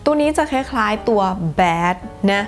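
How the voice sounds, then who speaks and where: Slow, patient Thai woman teaching. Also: medium pitch, expressive, faint music behind. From Thailand. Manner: slow, carefully repeated example sentences. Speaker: English teacher. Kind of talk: bilingual lesson explaining grammar.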